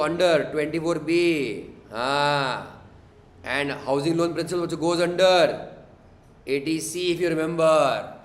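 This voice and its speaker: A man with an Indian accent teaching an interactive class as a tutor, prodding students with questions and short checks. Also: a little high. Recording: echoey room with faint noise.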